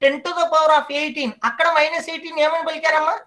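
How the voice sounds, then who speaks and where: Male teacher, high voice, online class, repeats each term slowly for students. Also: little pitch movement, pushed and bright, rough recording.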